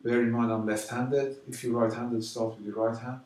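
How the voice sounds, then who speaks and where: A man teaching a drum rhythm, explaining calmly and counting the beats out loud, slow and emphatic. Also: medium pitch. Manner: counts beats aloud loudly and slowly between calm explanations. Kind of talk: casual drum lesson. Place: London. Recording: roomy echo, mic at a distance, drumming.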